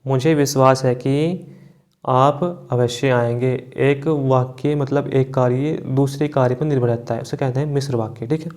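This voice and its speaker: A man with a mid-range, slightly mellow voice teaches an online exam class, going through multiple-choice questions one at a time. He speaks at a normal speed in a steady tone, repeats key points, and keeps tossing in short check-in tags.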